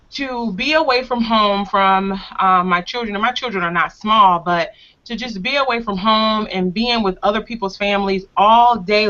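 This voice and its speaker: A woman's voice: medium pitch, fairly bright tone. A woman guest on a video call, earnest and grateful as she shares her story. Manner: earnest and grateful, drawn-out phrases. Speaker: guest, mother of a teenager. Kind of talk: casual video call testimonial. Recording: dull lo-fi web call audio.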